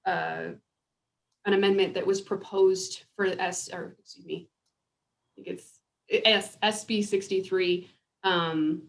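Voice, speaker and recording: A woman presenting a program update to a board over a video call, measured and pausing often with ums. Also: fairly low pitch, creaky. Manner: measured, with frequent ums and restarts. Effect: heard over a video call. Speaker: state agriculture program staff. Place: remote, joining a video conference.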